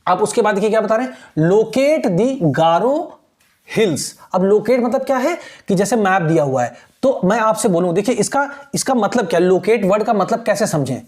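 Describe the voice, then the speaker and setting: A man teaching an exam-prep lesson, explaining step by step, asking and answering his own questions, reading English phrases slowly and repeating key words. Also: high voice, animated.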